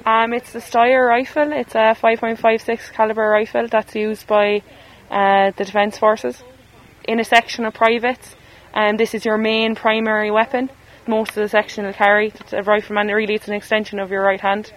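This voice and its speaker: A woman's voice: a little high, flat delivery, normal speed, rough recording. An Irish woman from Galway, an army corporal, answering interview questions informally. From Galway, Ireland. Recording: field recording with faint background noise.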